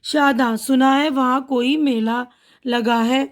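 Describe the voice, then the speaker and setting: A woman reading the part of the schoolchild Shada from a primer dialogue, slowly and carefully. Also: high-pitched, fairly even intonation. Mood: cheerful. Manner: slow, careful reading aloud.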